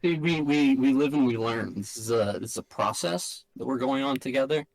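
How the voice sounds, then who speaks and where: A man's voice: medium pitch, moderate pace, vocal fry, dry recording, rough recording. A man co-hosting a podcast over a video call, chatting casually in a laid-back, dry way. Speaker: podcast co-host. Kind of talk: casual chat. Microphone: video call microphone.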